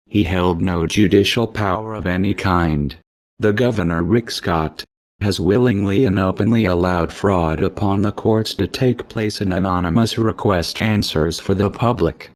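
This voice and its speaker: A man speaking in a disguised, computer-altered deep voice, reading a scripted statement in a slow, menacing monotone.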